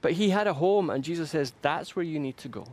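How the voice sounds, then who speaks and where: A man's voice: a little high, lively intonation, quick pace, darkish tone. A male pastor preaching a sermon, earnest and emphatic, building momentum through repeated phrases. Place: church.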